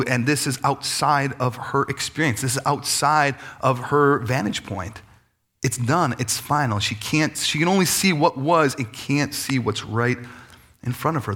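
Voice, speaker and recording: A man's voice: mid-range voice, sharp tone. A man preaching a conversational sermon, acting out little quoted voices as he goes. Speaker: pastor.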